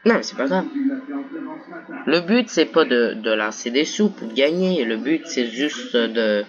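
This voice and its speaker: A man's voice: mid-range voice, expressive, a little slow, music in the background. A man chatting casually as he plays a co-op video game. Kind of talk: casual gaming chat during co-op play. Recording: dull lo-fi audio, other voices behind. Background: other people talking.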